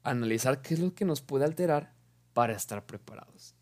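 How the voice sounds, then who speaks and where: A young man who gives a casual spoken explanation, talks in an animated way, corrects himself as he goes and acts out little dialogues. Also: mid-range voice, a little fast.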